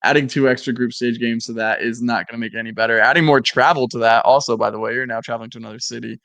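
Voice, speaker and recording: A man's voice: medium pitch, fairly even intonation, racing, gravelly, a bit bright, dry recording. A man co-hosting a casual sports podcast, giving blunt, opinionated takes. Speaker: podcast co-host.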